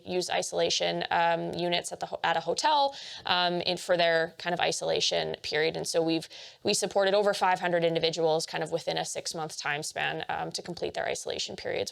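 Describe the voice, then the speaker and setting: A young woman gives a training presentation at a medium pitch. She talks quickly with frequent fillers and restarts, and her voice carries a gravelly vocal fry.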